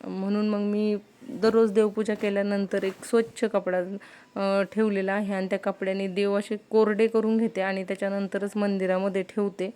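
A woman's voice: mid-range voice, little pitch movement, normal speed, mellow, smooth. Chatty woman narrating her home routine. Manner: chatty, explains daily routine step by step. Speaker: vlogger and mother. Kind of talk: casual home vlog narration.

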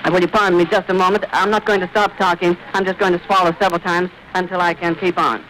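A male radio reporter giving vivid, urgent live commentary outdoors at an airfield, pausing to catch his breath. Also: sits high, little pitch movement, bright, forceful tone, rough recording. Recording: old 1930s archive radio recording with hiss.

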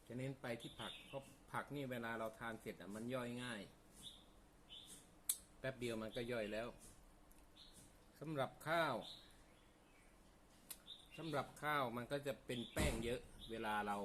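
A man chats at a mid-range pitch as he eats, his mouth often full. He explains things to viewers in a folksy, casual way. Birdsong and clear ambient noise sit behind his voice. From Isan, northeastern Thailand. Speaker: food vlogger. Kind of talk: casual mealtime chat to viewers.

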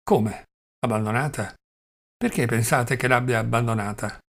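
A man's voice: mid-range voice, normal speed, vocal fry, natural voice. A man reading the part of Velchaninov, an angry, agitated man, in an audiobook. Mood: upset. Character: furious man, Velchaninov, shouting in anger.

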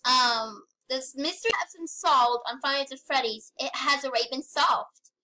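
A woman's voice: sits high, moderate pace, low-quality recording. A woman playing a horror game and commenting, easily confused and often shrieking in panic. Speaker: gamer. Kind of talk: let's-play gameplay commentary. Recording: game music loud behind voice. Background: game music.

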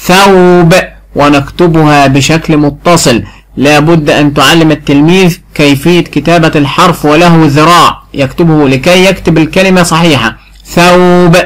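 A man with an Egyptian Arabic accent teaching a phonics lesson to a child, stretching out syllables slowly and clearly. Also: fairly high pitch, fairly even intonation, poor audio. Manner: drawn-out, exaggerated syllable sounding.

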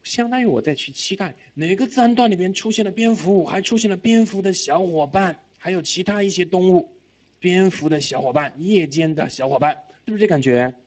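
A man teaching IELTS reading in a recorded lecture, animated, often asking whether students follow and dropping English words into his talk. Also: high-pitched, fairly quick. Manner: mixes English words into speech. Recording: slightly dull lo-fi lecture audio.

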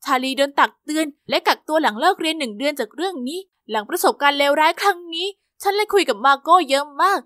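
A woman giving lively, expressive first-person scripted narration for an animated story. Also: sits high, quick pace, few pauses, no echo, studio quality.

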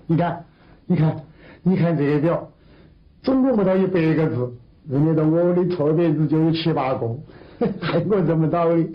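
A man's voice: on the high side, moderate pace, natural voice. An actor playing a self-satisfied older company chairman in a TV comedy, speaking with a Sichuan accent. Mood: smug. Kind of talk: comedy TV drama dialogue. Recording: dull lo-fi old TV sound.

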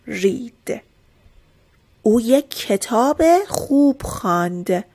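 Woman teacher, mid-pitched, slow careful drills, calm explanations, plain lesson voice. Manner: repeats each word slowly and clearly, explaining calmly. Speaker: English teacher.

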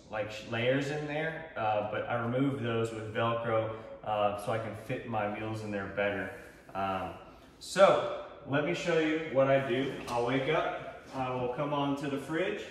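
A man's voice: mid-range voice, distant mic, a little hiss or hum. Chatty Texan man in an echoey kitchen. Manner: chatty, upbeat, frequent fillers. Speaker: fitness vlogger. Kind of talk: casual product walkthrough. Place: large home kitchen. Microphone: far camera. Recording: roomy echo, voice from afar.

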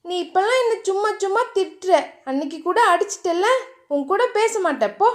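A woman's voice: extremely high pitch, animated, fairly quick, voice pushed up. A woman voicing a playful, childlike young woman who sulks and pleads in a sing-song way. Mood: sulky.

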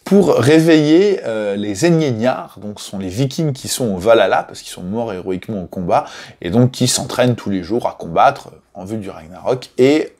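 A man's voice: on the low side, normal speed. A man casually telling the stories behind a board game's mythology, chatty and full of fillers, stressing each new name. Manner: chatty, many fillers, lively emphasis on names. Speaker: game publisher presenting lore. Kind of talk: casual storytelling explanation.

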